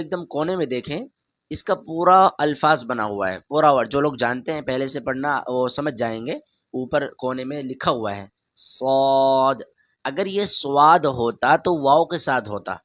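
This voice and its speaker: Male Quran teacher, patient and direct, drawn-out letter demos, dry close recording. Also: on the high side, dry recording. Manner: patient, repeats each letter loudly and drawn out; talks straight to the learner, asks them to repeat. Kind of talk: beginner Arabic letter lesson.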